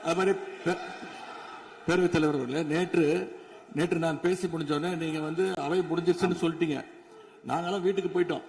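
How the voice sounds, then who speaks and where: A man speaking as an assembly member, indignant and firing off rhetorical questions at the chair. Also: high voice. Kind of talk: legislative assembly speech. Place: legislative assembly chamber. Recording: echoey assembly hall.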